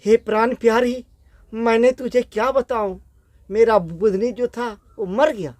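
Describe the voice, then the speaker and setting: A man's voice: extremely high pitch, steady tone, measured pace, a little mellow, no echo, voice pushed up. A man voicing a foolish, bewildered king who weeps without knowing why, in a spoken folk story. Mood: lamenting. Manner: lamenting, bewildered.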